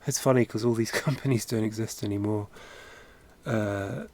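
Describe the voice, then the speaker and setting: A man's voice: on the low side, fairly even intonation, moderate pace, a crowd in the background. A British man chatting casually while he draws on a live stream, musing aloud with lots of filler words. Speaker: animation streamer.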